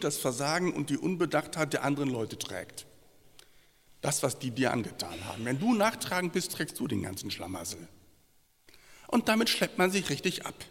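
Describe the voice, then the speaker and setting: A man preaching a sermon with passion, swinging between loud emphatic peaks and quiet, low phrases. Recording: long hall reverb.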